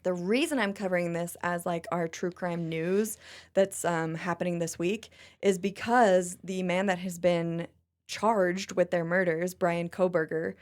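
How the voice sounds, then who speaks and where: A young woman from China co-hosting a podcast in casual chat, animated and quick to laugh. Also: lowish voice. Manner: chatty, animated, laughs often. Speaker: podcast co-host.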